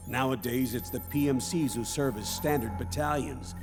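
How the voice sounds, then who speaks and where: A middle-aged military commander played by a male actor briefs in a grave, commanding and measured way. His mid-pitched voice sits over clear background music in a video game scene. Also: lightly acted. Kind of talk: scripted mission briefing, video game acting.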